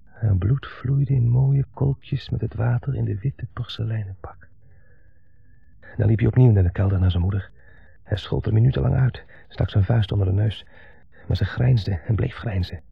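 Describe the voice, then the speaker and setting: A brooding, gravelly son. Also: male voice, lowish voice, moderate pace, dry recording, heavily acted. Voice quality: gravelly, husky. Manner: brooding, intense monologue. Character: grown son, bitter, dominated by his mother. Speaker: son caring for his mother. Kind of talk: 1970s radio play monologue. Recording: dull 1970s radio broadcast.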